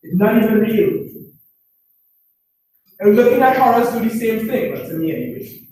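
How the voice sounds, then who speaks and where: High-voiced man, echoey room, far off. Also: lively intonation, moderate pace, dark tone. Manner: keeps checking in with the room, asking 'right?'; repeats phrases for emphasis. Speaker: presenter at a business information session. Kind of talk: motivational talk to a live group. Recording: very echoey room, far from the mic, faint noise.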